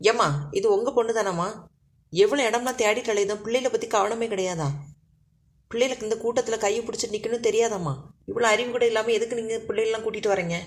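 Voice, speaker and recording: A woman's voice: a little high, quick pace, natural voice. A woman voicing a stern man who lectures a careless mother. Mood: reproachful. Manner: reproachful, lecturing. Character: stern man returning a lost girl.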